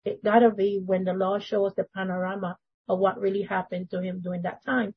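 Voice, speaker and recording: A woman at a church meeting earnestly explaining her view, often pausing and searching for words. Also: medium pitch, level tone, breathy edge, no room sound. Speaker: church member. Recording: dry, dull lo-fi recording.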